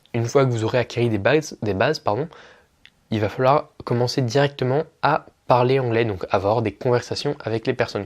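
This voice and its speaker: A man's voice: fairly low pitch, a little mellow. A young man giving casual advice on learning English in a YouTube lesson, chatty and full of fillers and restarts. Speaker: English teacher for beginners. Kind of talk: casual YouTube tutorial monologue.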